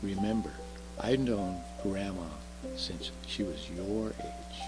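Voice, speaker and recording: A man's voice: low-pitched, slow, loud music behind the voice, pitched below the performer's own voice, rough recording. A man playing a kindly, knowing old Santa who talks in a genial, reassuring way in a storybook reading. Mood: kindly, assured.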